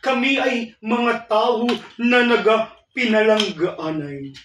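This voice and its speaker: A man performs a melodramatic old radio show, his voice high-pitched and slow. It sounds echoey and far from the mic, like a radio drama played in a hollow room. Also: a little hiss or hum. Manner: melodramatic, shouting and wailing.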